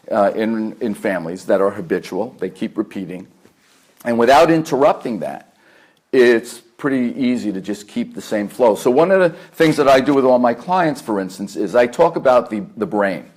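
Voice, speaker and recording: A man with a New York accent, a family therapist giving a live workshop talk at a meditation center, measured and earnest, repeating key phrases for emphasis. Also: mid-range voice, darkish tone.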